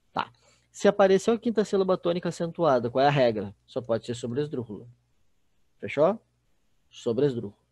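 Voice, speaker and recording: A man's voice: medium pitch, darkish tone, dry recording. A man with a Brazilian Portuguese accent teaching a recorded online class, explaining step by step and often checking in with the students. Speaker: Spanish teacher.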